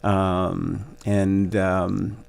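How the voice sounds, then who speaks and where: Gravelly low-voiced man reflecting. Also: level tone, extremely slow, a little mellow. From Canada. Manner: reflective, grateful, laughs easily, many fillers. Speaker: basketball coach, guest. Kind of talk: radio interview conversation.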